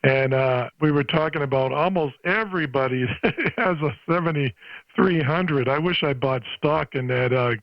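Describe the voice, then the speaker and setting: An older American man chats casually over the air as a ham radio operator. His voice is gravelly and slightly high, at a normal pace with no echo. The radio microphone and transmission make the sound dull and lo-fi.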